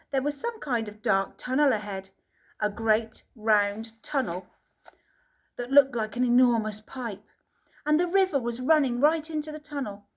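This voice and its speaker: Woman reading a children's story aloud. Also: fairly high pitch. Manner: lively storytelling. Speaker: audiobook reader. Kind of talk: children's book narration.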